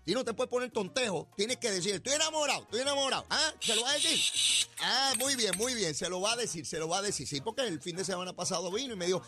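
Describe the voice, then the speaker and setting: A middle-aged man with a Puerto Rican accent hosting an opinionated political talk show in a mocking, animated way. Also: high voice, fast, faint music behind. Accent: Puerto Rican Spanish. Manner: animated, mocking, drops into comic voices. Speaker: radio and TV show host.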